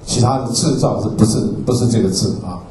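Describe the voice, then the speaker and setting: A man's voice: mid-range voice, brisk, darkish tone, a little hiss or hum. A man teaching a Bible class from slides, explaining word by word, repeating himself and often checking in with "okay?". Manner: repetitive, explanatory, ends phrases with "ah" and asks "okay?". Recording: roomy, distant mic with faint ambience.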